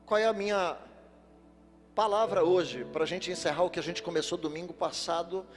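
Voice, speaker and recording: A male pastor giving a sermon, telling funny personal stories and speaking straight to the congregation in a lively way. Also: sits high, normal speed. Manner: lively storytelling, addresses the congregation directly. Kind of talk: sermon with humorous personal anecdotes. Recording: long church-hall reverb with faint music.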